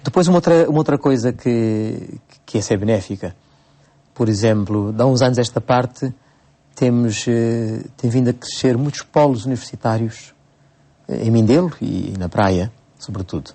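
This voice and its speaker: A Cape Verdean priest in his forties answering interview questions at an unhurried pace, with frequent hesitations and restarts. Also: medium pitch, dark tone. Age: 40s. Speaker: priest, bishop-elect.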